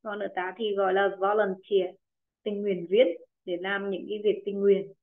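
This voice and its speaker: A woman teaching an online English pronunciation lesson with a Vietnamese accent, encouraging students and repeating words slowly for them. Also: medium pitch, level tone. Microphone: video call. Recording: tinny phone-like video call audio.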